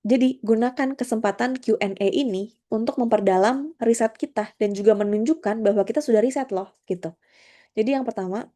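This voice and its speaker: A woman's voice: on the high side, mellow. A woman giving a friendly, conversational workshop on job interviews, talking through her slides. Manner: friendly, conversational, with English terms mixed in. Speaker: career trainer. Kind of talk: online workshop presentation.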